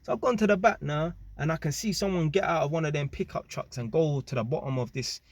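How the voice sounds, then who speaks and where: Guy on his vlog, kinda high voice, loads of slang, chatty and animated. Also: fast talker, no echo. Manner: slang-heavy, animated, with frequent tag questions. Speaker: vlogger. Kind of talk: casual storytelling.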